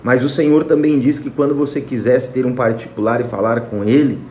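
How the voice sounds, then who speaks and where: A man's voice: mid-range voice, steady tone, a little fast, darkish tone, a little hiss or hum. A man with a Brazilian Portuguese accent preaching and praying fervently on a livestream, repeating blessings to his listeners. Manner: fervent, repetitive blessing of viewers by name. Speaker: pastor. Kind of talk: prayer and sermon on a livestream. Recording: echoey room with faint music.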